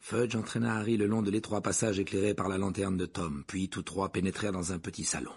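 A man reading a story aloud as an audiobook narrator, with an expressive, varied delivery. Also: low voice, fast, breathy edge.

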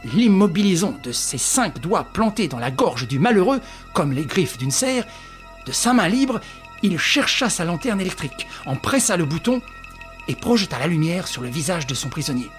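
A woman reading a classic adventure novel aloud as scripted narration, telling it dramatically with lively rises. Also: lowish voice, normal speed, soft background music. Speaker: audiobook reader.

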